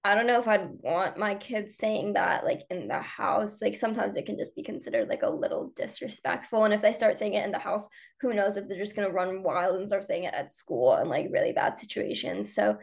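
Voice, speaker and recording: A woman's voice: medium pitch, a little fast, creaky, hardly any pauses. A young woman co-hosting a podcast, chatting casually with many fillers. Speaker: podcast co-host. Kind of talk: casual debate chat.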